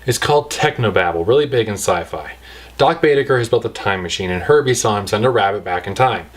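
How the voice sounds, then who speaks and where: A man's voice: on the low side, expressive, fast. A man hosting a film review show, explaining with dry, exasperated patience. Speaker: host. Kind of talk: movie review with comedy. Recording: faint background music.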